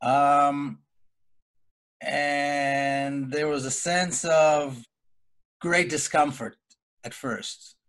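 A middle-aged man, speaking earnestly as a panelist in a webinar discussion. He talks deliberately, with frequent pauses and restarts. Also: on the high side, fairly even intonation, a bit bright, clear, resonant tone. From Israel. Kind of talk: personal account in a webinar discussion. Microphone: video call.

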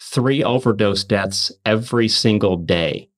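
A man on a podcast telling an earnest faith testimony, emphatic, often restarting and repeating words. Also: on the low side. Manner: emphatic, fast and repetitive restarts. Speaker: podcast host.

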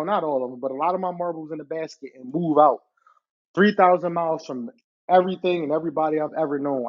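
A high-voiced man rants through a storytime episode, exasperated and swearing freely as he keeps turning to ask his listeners for their opinion. The recording is dull and lo-fi. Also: a little mellow. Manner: exasperated, profane, addresses listeners directly. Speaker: podcast host. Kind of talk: storytime rant. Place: apartment.

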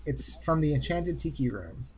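A man from the Northeast US hosting a casual podcast trivia game, chatty and quick to laugh. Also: on the high side, animated, darkish tone, slightly rough. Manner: chatty, laughing, quotes lines in slow put-on voices. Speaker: trivia host.

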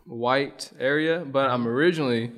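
A young man from Illinois talks through his background in an easy, rambling manner, pausing on fillers as he goes. His voice is smooth and resonant. The recording carries a long reverb, as if it were made in a large hall. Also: mid-range voice. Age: young adult. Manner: relaxed, rambling storytelling with many fillers. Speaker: guest. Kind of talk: casual conversation.

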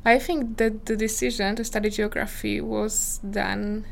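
A woman's voice: medium pitch, fairly even intonation, measured pace, creaky, slight background noise. A woman in her twenties from Slovakia with a Slovak accent, answering interview questions earnestly in English as a non-native speaker, searching for her words. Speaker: visiting scholar guest.

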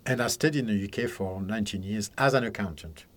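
Low-voiced older man, chatty storyteller. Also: fairly quick. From Algeria and France. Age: 70s. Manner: chatty, rambling storyteller with frequent laughs. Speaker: guest, psychic counsellor. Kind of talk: casual interview chat. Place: podcast studio.

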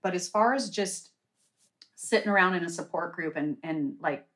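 Blunt, animated woman telling stories. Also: on the low side, normal speed. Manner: animated, blunt, swears freely. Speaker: guest. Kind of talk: casual storytelling.

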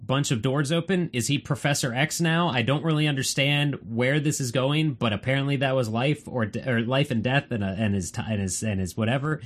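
A man co-hosting a casual movie review podcast, relaxed, reading from his notes and laughing easily. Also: medium pitch, a little fast, few pauses. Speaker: podcast co-host.

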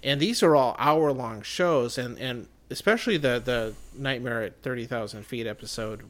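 Soft-spoken man musing in casual chat. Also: medium pitch, moderate pace. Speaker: podcast co-host.

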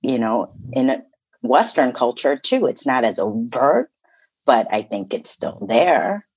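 A woman's voice: very deep voice, very animated, unhurried, a little mellow, slightly rough, no room sound. A woman from the Chicago area in casual conversation, talking reflectively in a chatty way with many fillers. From Chicago area, USA.

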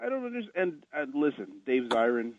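Radio phone-in caller: male, excitable ranter, muffled lo-fi phone line. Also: a little high, fast talker, a little hiss or hum. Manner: excitable, ranting, voice jumping up when worked up. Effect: phone-in caller heard over the phone line. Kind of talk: casual chat.

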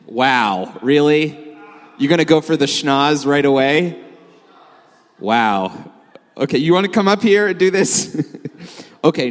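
Guy preaching, kinda high voice, chatty jokes and ums, big hall reverb. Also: fairly bright tone. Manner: joking, conversational with fillers. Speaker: messianic rabbi preaching. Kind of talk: sermon.

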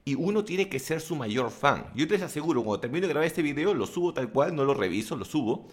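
A man giving motivational tips in a casual monologue to camera, blunt and crude with animated asides. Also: fairly high pitch, fairly quick. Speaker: self-help vlogger and coach.

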